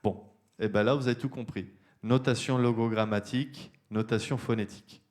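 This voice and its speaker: A man's voice: mid-range voice, steady tone, normal speed. A man, an archaeologist, giving a public lecture, explaining step by step with frequent fillers and questions to the audience. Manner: explanatory, many fillers like euh and hein, addresses audience directly. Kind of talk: university lecture. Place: lecture hall.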